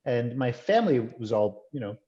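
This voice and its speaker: A man's voice: medium pitch, very animated, normal speed, warm tone, lo-fi sound. A man from the United States, a guest tech executive, speaking on a video call. He talks hesitantly and repeats "like" a lot. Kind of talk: casual video-call chat.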